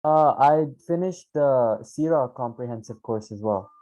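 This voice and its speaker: Mellow-voiced man student, polite. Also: medium pitch, animated, measured pace, rough recording. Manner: polite, brief replies.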